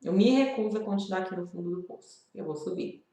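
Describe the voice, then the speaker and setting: A woman's voice: medium pitch, fast, mellow. Brazilian woman vlogger, mid-range voice, earnest and confiding, speaks straight to the viewer, very echoey room. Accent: Brazilian Portuguese. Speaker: video host sharing grief advice. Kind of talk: personal vlog talk to camera.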